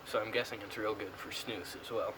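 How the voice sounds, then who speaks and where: Young American man, lip packed, low voice. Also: fairly even intonation, a little fast, sharp tone, low-quality recording. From United States. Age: young adult. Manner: talking with a pouch tucked in his upper lip. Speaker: product reviewer. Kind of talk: casual rambling vlog. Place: small room indoors. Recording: clear background noise on camera mic.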